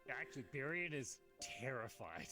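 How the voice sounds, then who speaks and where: A man's voice: medium pitch, big pitch swings, over music. Joking man in game chat. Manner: quick, self-mocking, swears. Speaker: role-play player. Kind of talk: casual out-of-character chat.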